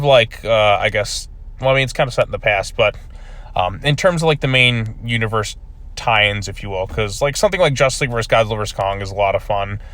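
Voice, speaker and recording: A man rambles through a casual video review of a comic book, using many fillers, while his voice is still recovering after being lost. It sits on the low side with a fairly bright tone.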